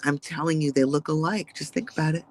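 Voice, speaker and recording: A man's voice: fairly high pitch, fast, poor audio. A man in a casual podcast chat, cracking crude jokes. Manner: joking, crude humor.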